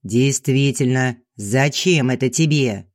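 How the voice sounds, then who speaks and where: A man doing a commanding, booming young woman. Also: slow, close to an everyday voice. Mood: demanding. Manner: commanding, rumbling.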